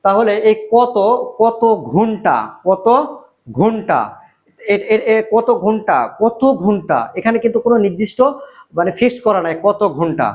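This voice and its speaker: A man teaches in a casual video lesson. He repeats each word slowly, poses a question and then answers it himself. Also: high voice, a little mellow. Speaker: language teacher.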